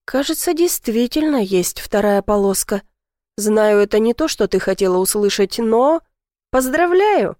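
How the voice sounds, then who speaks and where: Woman reading as a gentle, teasing girlfriend. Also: a little high, lively intonation, measured pace, dry recording, studio quality. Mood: soothing. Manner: gentle, soothing. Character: cheerful, joking young woman, a best friend.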